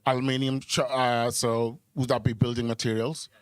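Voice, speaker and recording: In a dry recording, a Kenyan comedian speaks in a mid-range voice at a moderate pace, his delivery flat. He's doing live club stand-up built on conversational stories and crowd work, hesitating and repeating words as he goes.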